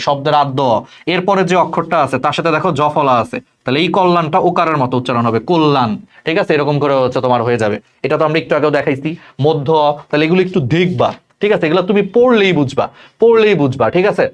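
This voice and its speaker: A young man from Bangladesh, teaching an exam-prep grammar lesson in a chatty way and often checking that students follow. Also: fairly high pitch. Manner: fast, chatty, addresses students as "bhai", many checks like "thik ache?". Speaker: tutor. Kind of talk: online exam-prep lecture.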